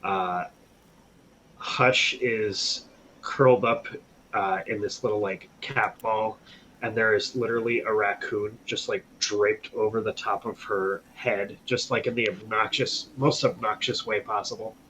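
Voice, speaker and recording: A man running a tabletop game as game master, narrating in a relaxed, halting way full of fillers. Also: on the low side, slight background noise, rough recording.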